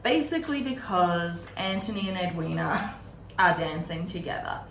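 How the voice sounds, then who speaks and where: Her voice sits fairly low and a little creaky, with lively intonation at a moderate pace. As host of a book readalong series, she talks chattily and wryly at her desk, drifting off into asides, while a camera on or near the desk picks up a roomy echo and room noise.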